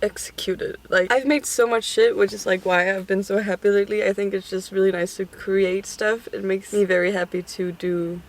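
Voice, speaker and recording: A young woman chats through a casual eating vlog, giggling often and swearing freely. She talks at an ordinary, middle pitch, near a road where cars pass. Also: fairly even intonation, moderate pace, few pauses. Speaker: vlogger. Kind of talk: casual mukbang chat.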